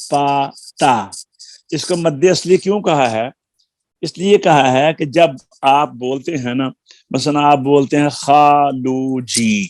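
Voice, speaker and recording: A middle-aged man teaching a recorded Quran recitation lesson, patiently explaining and slowly spelling out syllables. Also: fairly high pitch, no room sound. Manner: slow, deliberate spelling-out of sounds and syllables; patient explaining, repeats key points.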